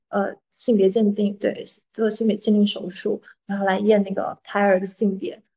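A woman's voice: medium pitch, a little mellow. A young woman from southern Fujian with a Taiwanese-sounding southern Min accent in her Mandarin, telling personal stories in a reflective, hesitant, conversational way. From southern Fujian (Minnan), China. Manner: hesitant, reflective, mixes in English words. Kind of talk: personal storytelling in casual conversation. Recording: slightly muffled, band-limited audio.

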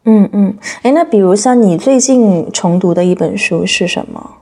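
A woman's voice: mid-range voice, normal speed, warm tone, slightly rough. A woman co-hosting a podcast, asking curious, probing questions in conversation. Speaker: podcast co-host. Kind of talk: conversational interview.

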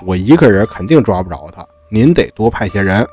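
A greedy, ungrateful man flatters and schemes in a spoken story, as a man puts him on. The voice is husky, with faint music behind. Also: on the low side, a little fast. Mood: fawning. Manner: scheming, fawning.

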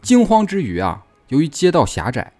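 Podcast host, male, animated, slangy storyteller. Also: fairly high pitch, moderate pace, faint music behind. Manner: lively storyteller, slangy, laughs often. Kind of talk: casual storytelling chat.

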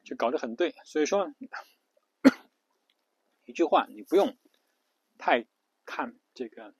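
A man's voice: medium pitch, expressive, slow, darkish tone, breathy edge, no room sound, rough recording. A man giving a casual spoken lesson on pronunciation, repeating himself often, with words. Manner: repetitive, lots of fillers and restarts, spells letters out. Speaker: English pronunciation teacher.

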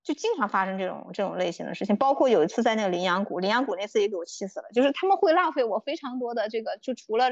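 Fast-talking young woman telling stories. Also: mid-range voice, no room sound. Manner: animated, swears freely, acts out quotes in a raised voice. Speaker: podcast guest. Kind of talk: casual storytelling chat. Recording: dull lo-fi dry sound.

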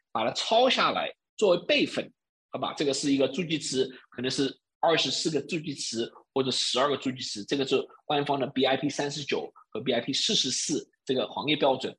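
Male expert guest, non-native Mandarin with foreign accent. Higher-set, swooping intonation, didactic, unscripted, keeps checking the listener follows. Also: fairly bright tone, poor audio. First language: not a native Mandarin speaker. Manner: didactic, with frequent check-in tags. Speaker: interview guest, crypto wallet expert. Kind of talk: spontaneous explanatory talk.

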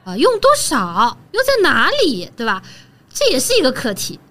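A woman appears as a guest on a casual podcast, chatting in a relaxed way and often closing phrases with soft particles. Her voice sits high, and she talks at a normal speed.

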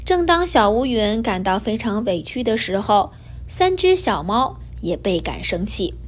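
A woman hosting a children's learning program, reading a picture book aloud with gentle expression. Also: medium pitch, sing-song, unhurried. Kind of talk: storytelling for children.

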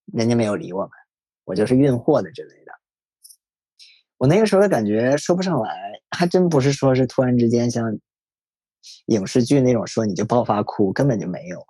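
A man in his thirties telling a personal story in a reflective, halting way, with many fillers. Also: medium pitch, dark tone, breathy edge, no room sound. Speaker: podcast guest sharing a personal story. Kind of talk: emotional first-person storytelling. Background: faint background music.

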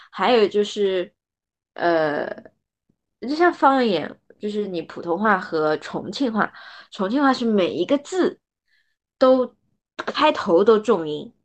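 Woman co-host, casual podcast talk, animated with examples, laughs easily. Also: medium pitch. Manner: lively, gives examples and laughs often. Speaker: former translation student. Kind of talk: casual book-club chat.

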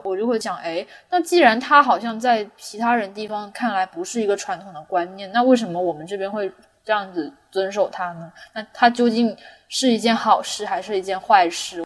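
Young woman, Cantonese-accented Mandarin, podcast co-host, mid-pitched, casual reflective storytelling. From Guangdong, China. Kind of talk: casual chat.

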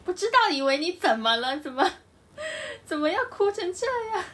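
High-voiced young woman co-host. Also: very animated, normal speed, fairly bright tone. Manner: supportive listener with frequent backchannel replies. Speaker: podcast co-host. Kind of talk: casual chat.

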